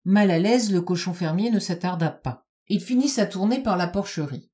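A woman narrating a children's storybook in a calm, even reading voice. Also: fairly low pitch, moderate pace.

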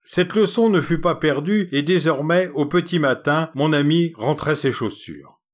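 A man's voice: a little high, a little slow. Man wryly reading a comic tale. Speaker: narrator. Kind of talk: reading a humorous short story.

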